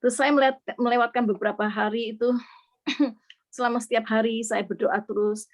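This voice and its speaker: A woman's voice: a little high, fairly even intonation, a little fast. A middle-aged woman from Indonesia earnestly sharing a personal faith testimony, slipping English words into her speech.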